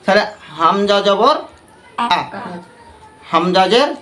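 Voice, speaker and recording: A man's voice: sits high, lively intonation, slow pace, fairly bright tone. A man teaching a Quran recitation class, quizzing the class with repeated questions and leading call-and-response.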